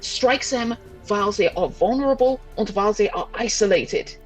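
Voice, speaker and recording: A woman talking as a player in a tabletop roleplaying game, in animated discussion. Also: mid-range voice, moderate pace, rough recording. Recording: music behind the voice. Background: music.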